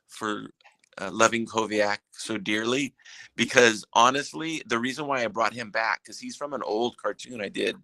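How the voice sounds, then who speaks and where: A man's voice: lowish voice, vocal fry, bright, forceful tone, dry recording, poor audio. A man chatting as a guest on a live stream, telling jokes and rambling stories that keep interrupting themselves. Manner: rambling, self-interrupting storyteller. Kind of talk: casual joking chat.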